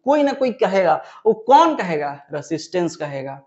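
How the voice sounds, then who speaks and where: A man's voice: sits high, very animated, normal speed, darkish tone, dull audio. A man teaching a physics lesson, who asks the class questions and then answers them himself. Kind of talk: classroom lecture.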